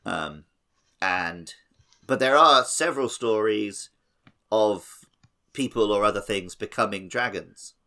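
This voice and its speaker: Speaking slowly yet animatedly, a man with a lowish, sharp-toned voice co-hosts a podcast. He explains mythology and games in a casual, rambling discussion.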